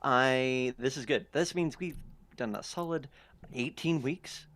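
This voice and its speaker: A man's voice: medium pitch, measured pace, a bit bright. Hesitant male podcast host. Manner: hesitant, lots of ums and restarts. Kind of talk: casual podcast chat.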